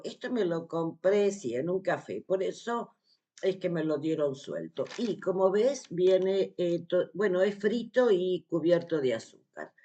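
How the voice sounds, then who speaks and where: A woman's voice: on the low side, mellow. An Argentine woman with an Argentine Spanish accent, chatting casually to camera as a vlogger, explaining things step by step with lots of fillers. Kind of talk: casual vlog chat.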